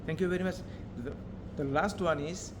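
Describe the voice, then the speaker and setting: Guy doing an interview, slightly high voice, stumbles and repeats, noisy background. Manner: halting, repeats and rebuilds phrases. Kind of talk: informal interview questioning. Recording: clear ambient background noise.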